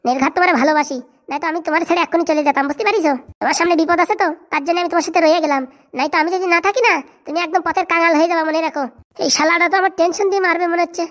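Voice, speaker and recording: A squabbling household of rural cartoon characters, all voiced by one woman, trading rustic banter, teasing and scolding. The voices sit high and race along at a breakneck clip. It sounds like a comic cartoon sketch. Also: steady tone, racing, fairly bright tone. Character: bickering rural cartoon family members, boisterous.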